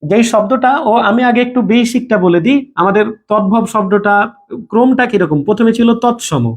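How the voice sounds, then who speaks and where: A man's voice: sits high, moderate pace. A man teaches a live online grammar class. He repeats each point and thanks students by name as he goes. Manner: repetitive, checks in with students by name.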